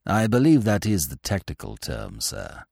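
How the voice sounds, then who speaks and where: A man voicing a deferential, unflappable valet who speaks in a formal, measured, low and soft way. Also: wildly swooping pitch, vocal fry, breathy edge, no echo, clean studio sound, full character voice. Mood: composed, formal. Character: deferential, unflappable male valet, middle-aged.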